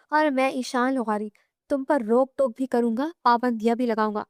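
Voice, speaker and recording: A woman reading aloud as a possessive young husband in a romance audiobook, scolding and commanding. The voice stays high and close to the mic, with a dry sound and no room around it. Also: darkish tone, dry recording, close to an everyday voice.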